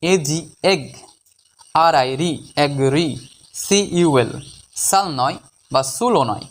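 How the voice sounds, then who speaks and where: A man teaching English pronunciation, slowly spelling out each word syllable by syllable. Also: fairly high pitch. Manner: patient, spells words out letter by letter. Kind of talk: slow syllable-by-syllable pronunciation lesson.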